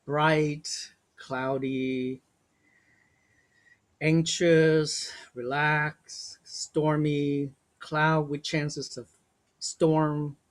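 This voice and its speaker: Slow, gentle older man leading a webinar. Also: a little high. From Vietnam. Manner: slow, gentle, reflective, with small restarts. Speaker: workshop facilitator. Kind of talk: guided webinar talk.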